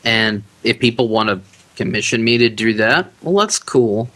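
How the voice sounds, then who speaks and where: Bright-voiced chatty man. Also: fairly low pitch, normal speed. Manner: relaxed and chatty, laughs easily. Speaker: podcast guest, audiobook narrator. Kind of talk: casual interview chat.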